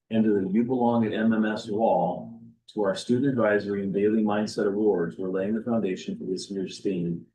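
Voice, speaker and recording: A man giving a school board report, reading principals' feedback aloud in a steady manner. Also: fairly low pitch, poor audio. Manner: steady, reads quotes aloud.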